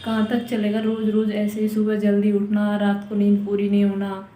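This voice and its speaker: Tired mom vlogger, even and mellow, rambles through chores in a home kitchen. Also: female voice, mid-range voice, moderate pace, faint music behind. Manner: rambling, talks on while doing chores. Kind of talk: casual chatty home vlog narration.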